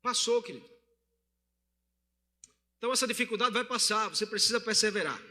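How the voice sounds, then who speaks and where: A man's voice: sits high, a little fast, sharp tone, in a large hall. A male pastor preaching a sermon to his church and calling for responses from the congregation. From Brazil.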